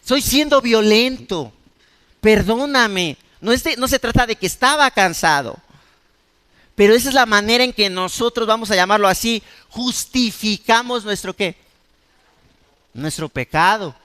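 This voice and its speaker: Mexican pastor guy, high bright voice, keeps asking the crowd questions, big church reverb. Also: lively intonation, moderate pace, clear, resonant tone. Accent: Mexican Spanish. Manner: conversational preaching, frequent rhetorical questions. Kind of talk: sermon.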